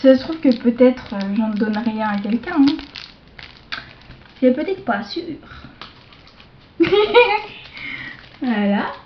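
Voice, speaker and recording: Slow, chatty woman showing her haul. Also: on the high side, a little hiss or hum. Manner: hesitant, many fillers and self-corrections; slow, chatty, drops into soft asides. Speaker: vlogger showing a shopping haul. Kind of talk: casual product show-and-tell. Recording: dull lo-fi home video sound.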